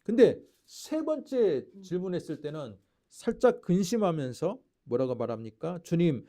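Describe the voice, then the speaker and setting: A man preaching a sermon as pastor, asking the congregation rhetorical questions and shifting between loud declarations and hushed lines. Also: sits high, sing-song, moderate pace.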